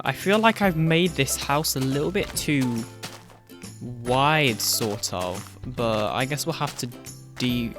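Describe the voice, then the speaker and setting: A young man casually narrating his own gameplay, rambling and often correcting himself mid-sentence. His voice sounds groggy, as if he has just woken up. It sits at an ordinary pitch, with faint background music behind him. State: groggy morning voice. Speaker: gaming YouTuber. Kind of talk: casual Let's Play commentary.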